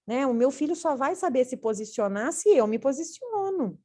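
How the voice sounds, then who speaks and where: A woman who is a parenting educator and mother, telling stories from home in an earnest, animated way. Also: high voice, normal speed. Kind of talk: casual conversation.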